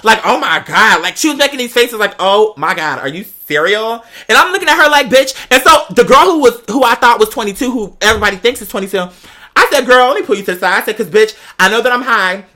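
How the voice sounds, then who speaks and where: With a fairly high voice and a quick pace, a female host relates her own story, casual and full of slang, dramatic and sassy, dropping "girl" and swear words throughout in an animated style.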